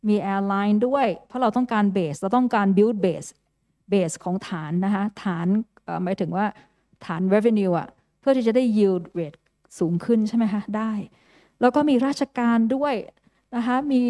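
A woman's voice: medium pitch, warm tone, dry recording. Woman giving a loose chatty talk, lots of ums and restarts, tosses in english words, dry close sound. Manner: chatty, mixes in English terms, frequent fillers and restarts. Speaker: guest lecturer. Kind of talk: informal lecture with slides.

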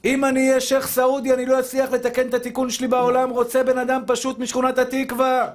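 A rabbi delivers a fervent sermon in a strikingly high male voice. He keeps calling his listeners dear brothers and throws rhetorical questions at them. He acts out dialogues between the soul and God. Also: monotone. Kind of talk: spoken Torah lesson, sermon.

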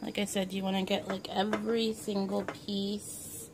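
A woman chatting casually in her home kitchen, rambling with lots of fillers and quick self-corrections as she cooks. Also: mid-range voice, flat delivery, background noise. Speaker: home cook vlogger. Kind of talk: casual home cooking vlog.

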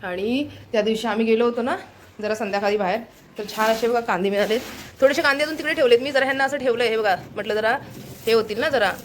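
A young woman talks straight to her viewers while she moves around her home. Her speech is quick and chatty, and a faint household hum sits behind her voice. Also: fairly high pitch. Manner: chatty, addressing viewers directly. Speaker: vlogger. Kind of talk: casual home vlog narration.

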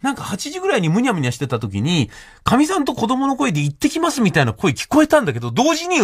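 A man's voice: very high voice, huge pitch swings, fast, slightly rough, no room sound, studio quality. A man hosting a radio show, telling a comic story in a solo monologue, laughing often and acting out the voices he quotes.

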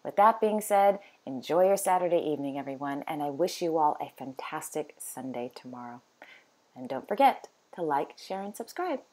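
A woman's voice: low-pitched, animated, normal speed, mellow. A woman hosting a daily royal news roundup, reading scripted items with chatty asides.

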